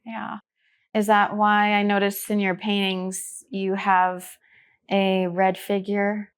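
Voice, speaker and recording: A woman hosting a podcast, asking a guest gentle, encouraging questions. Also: mid-range voice, completely flat delivery, slow, clear, resonant tone. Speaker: podcast host. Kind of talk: interviewing.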